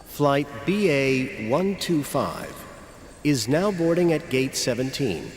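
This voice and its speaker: A man acting as an airport announcer, giving slow, formal boarding calls over loudspeakers for a course recording. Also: medium pitch, very animated, roomy sound, in a large hall, slight background noise. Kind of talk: scripted course audio.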